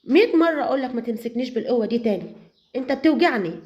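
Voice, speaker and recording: A woman with an Egyptian Arabic accent voicing a tense, secretive young woman in a narrated story, speaking in a raised, sharp voice. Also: on the high side, expressive, very fast. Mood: tense, defensive. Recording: slightly muffled lo-fi audio.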